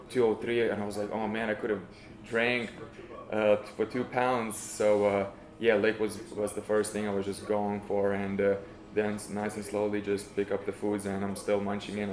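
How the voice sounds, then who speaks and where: A man's voice: fairly low pitch, a little mellow. A young man from Lithuania, giving modest, hesitant, easygoing answers as a fighter in an interview. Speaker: MMA fighter being interviewed. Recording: echoey room.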